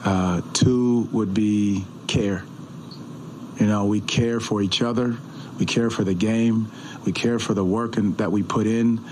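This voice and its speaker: A man in his forties, a head coach, answering questions at a postgame press conference in an arena press room, measured and often restarting his words. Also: fairly low pitch, fairly even intonation, a little mellow, a little hiss or hum, poor audio. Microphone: table mic on a stand.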